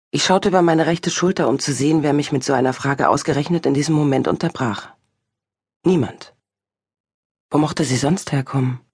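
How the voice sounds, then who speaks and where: A woman reads first-person fiction in a measured, reflective way, her voice husky and breathy. The studio sound is dry and close, with no room around it. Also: rumbling low, darkish tone, no room sound. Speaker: audiobook narrator. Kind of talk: first-person literary narration.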